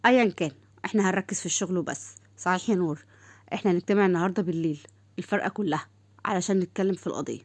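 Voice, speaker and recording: A woman's voice: on the low side, very fast, a little mellow, no echo, natural voice. A woman doing a firm male team leader. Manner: firm, commanding.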